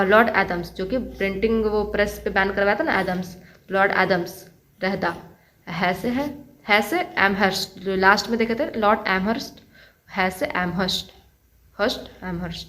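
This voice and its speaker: A woman's voice: medium pitch, moderate pace, a bit bright, poor audio. A woman teaching history for exams, repeating key words and asking and answering her own questions. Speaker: exam-prep history teacher. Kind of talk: online lesson with memory tricks.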